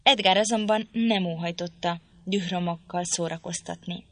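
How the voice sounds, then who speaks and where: A woman narrating a literary audiobook in a measured, even storytelling manner. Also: lowish voice, no echo. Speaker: audiobook reader.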